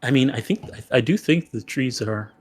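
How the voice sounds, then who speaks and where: A man playing a tabletop game, chatting casually and haltingly, often circling back on his phrases. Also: medium pitch, expressive.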